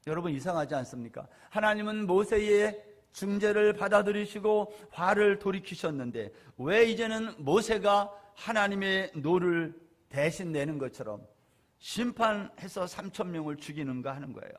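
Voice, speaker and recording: A man pastor preaching a Sunday sermon, asking the congregation questions and moving between loud stresses and quiet asides. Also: high-pitched, lively intonation, normal speed.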